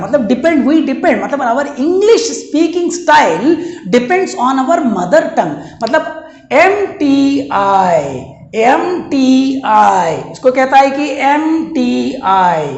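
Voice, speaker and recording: High-voiced Indian man teaching English. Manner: drills words and has students repeat them; slows down sharply for English phrases. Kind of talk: spoken English lesson. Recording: roomy echo.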